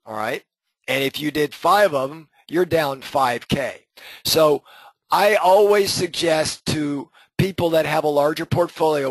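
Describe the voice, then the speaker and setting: A middle-aged man talks his members through trade setups in an easy, conversational lesson, tossing in "okay?" and "right?" to check they follow. His voice is husky and sits a little high for a man. The sound is dry and close, with no room around it. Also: no room sound, low-quality recording. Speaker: trading group host. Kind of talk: casual market lesson over charts.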